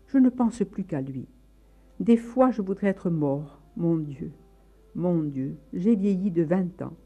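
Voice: mid-range voice, lively intonation, slow, slightly rough, phone-quality sound, faint music behind, exaggerated voice. A reader voicing an anguished, grieving father. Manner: pleading, anguished. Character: grieving, desperate middle-aged father.

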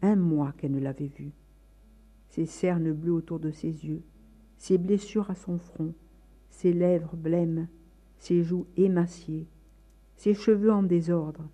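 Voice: mid-range voice, fairly even intonation, slow, warm tone. A storyteller reading a story aloud in a dramatic, emotive way. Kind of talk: expressive read-aloud narration.

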